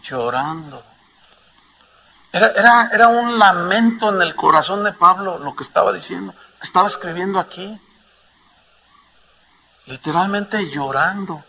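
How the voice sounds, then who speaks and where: Male pastor, high bright voice, fervent preaching, faint noise behind. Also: animated, unhurried, vocal fry, long pauses. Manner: impassioned, shifts from hushed to loud. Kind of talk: sermon.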